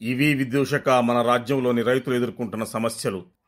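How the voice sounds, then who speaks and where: A man's voice: mid-range voice, steady tone, a little fast, voice pushed down, close to an everyday voice. A man voicing a pompous, dim-witted, miserly king who talks in a lordly, commanding way.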